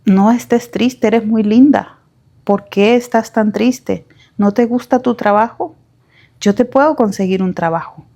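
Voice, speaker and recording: A woman voicing a kind, divorced middle-aged man who speaks gently and reassuringly, within her slow storytelling. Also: fairly high pitch. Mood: gentle. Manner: soft, reassuring questions.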